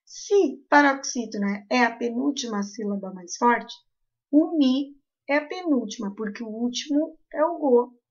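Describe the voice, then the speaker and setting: Southern Brazilian woman, teacher. Careful, deliberate explanation, a touch high. Slightly muffled recording. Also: slightly rough. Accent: southern Brazilian Portuguese. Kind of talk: recorded grammar lesson.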